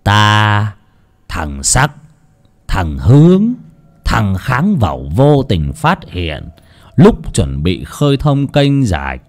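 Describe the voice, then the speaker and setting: A man's voice: on the low side, wildly swooping pitch, drawn-out words, heavily acted. A man voicing a cruel, greedy old village chief who sneers in mock-sweet tones and gloats over his killings. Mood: gloating.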